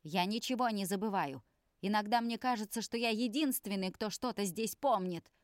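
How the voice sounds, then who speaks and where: A woman voicing a furious, tearful young male vampire who shouts and pleads, in an audiobook. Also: medium pitch, normal speed, no echo, clean studio sound, voice pushed up, lightly acted. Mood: angry pleading.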